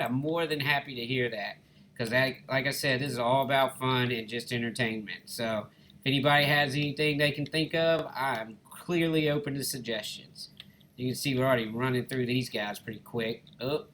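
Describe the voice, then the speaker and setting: A gaming channel host from Alabama, United States, speaks in a mid-range, slightly bright voice with a Southern Alabama accent. The recording is rough, with a little hiss or hum, as he gives easygoing, folksy, casual commentary on his gameplay and calls viewers "guys" and "y'all."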